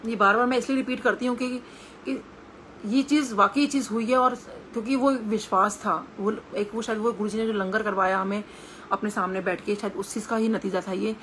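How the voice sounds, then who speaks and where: In a slightly bright, medium-pitched voice, a middle-aged woman with an Indian Hindi accent talks a little fast and with fairly even intonation. Her devotional satsang is rich in personal stories, told earnestly with conversational hesitations, against slight background noise.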